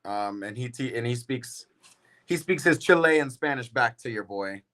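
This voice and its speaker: His medium-pitched voice is animated and fairly bright, at a moderate pace. He's a laid-back man hosting a football watch-party livestream, tiredly chatting with viewers in slang and addressing them as bro and y'all.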